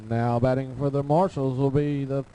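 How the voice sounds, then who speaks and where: A man making formal batter introductions over a ballpark PA loudspeaker, heard from far off, drawing out the player names. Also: mid-range voice, level tone, moderate pace, clean tone. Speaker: stadium public address announcer.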